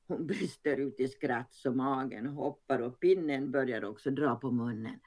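A woman reading a story aloud in an expressive narrating voice. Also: a bass voice.

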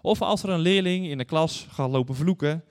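A man in his thirties or forties delivers an earnest sermon, moving between scripture reading and personal stories. His voice sits a touch higher than most men's. It rings out with a long reverb trail in a large church hall. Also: normal speed. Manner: earnest, storytelling, addresses congregation directly. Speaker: guest preacher.

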